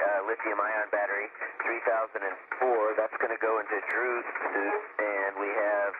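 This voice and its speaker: Astronaut guy calling down over a crackly space radio, thin phone-like sound, hiss behind, kinda halting. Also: lowish voice. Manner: matter-of-fact with many hesitations. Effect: space-to-ground radio transmission. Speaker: astronaut in orbit. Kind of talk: radio call to mission control. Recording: tinny radio downlink with static.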